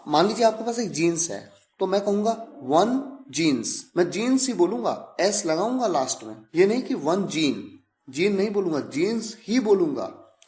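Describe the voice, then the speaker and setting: Lively-pitched man teaching grammar patiently. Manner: patient, repetitive explaining, drawing out example phrases slowly. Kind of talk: recorded video lecture.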